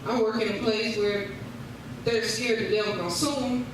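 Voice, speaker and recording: A woman's voice: mid-range voice, fairly even intonation, normal speed. A woman preaching a revival sermon in declarative, repeated phrases, punctuated with praise. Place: large indoor room at a church service. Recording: echoey church hall, distant mic, noisy.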